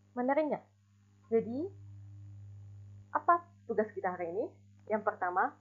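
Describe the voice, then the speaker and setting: Woman teacher, breathy voice, patient step-by-step class explanation, muffled recording. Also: medium pitch. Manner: slow, deliberate explanations with spoken examples. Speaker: Mandarin teacher. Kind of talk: recorded online class lesson. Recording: dull lo-fi recording.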